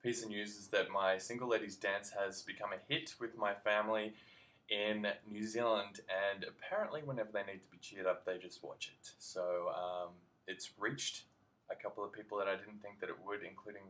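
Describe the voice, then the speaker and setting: A man's voice: on the low side, fairly even intonation, moderate pace, a bit bright. A man with an Australian accent chatting casually to camera as a vlogger, rambling and making self-mocking asides.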